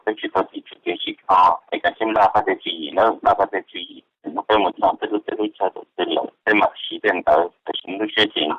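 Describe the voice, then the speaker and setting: On a telephone conference call, a low-voiced man chats conversationally as one of the group. The line sounds dull and lo-fi, with no room sound.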